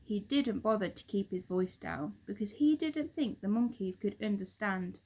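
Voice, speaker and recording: A woman who is a teacher and storybook reader narrates a children's story expressively. Her voice is mid-range and her pace moderate.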